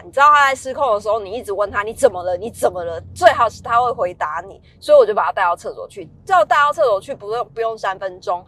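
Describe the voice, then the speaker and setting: Parenting vlogger, female; lively, direct, chatty delivery. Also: mid-range voice, a little hiss or hum. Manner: lively, emphatic, talks straight to the listener. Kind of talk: casual storytelling to camera.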